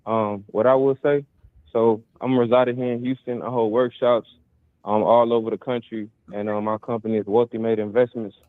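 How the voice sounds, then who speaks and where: A man's voice: medium pitch, little pitch movement, normal speed, no room sound. Give me a young man calling in on a muffled, tunnel-like phone line. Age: 20s. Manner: earnest, motivational, speaks in long run-on stretches. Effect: muffled phone line that sounds like a tunnel. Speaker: caller. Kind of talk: call-in talk on a morning show. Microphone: phone call. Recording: tinny, dry phone line.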